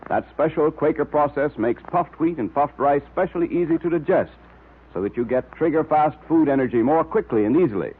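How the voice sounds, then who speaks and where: In a 1940s style, a male radio announcer with a husky, mid-range voice delivers scripted adverts and story narration with emphatic salesmanship. It's a tinny vintage radio recording.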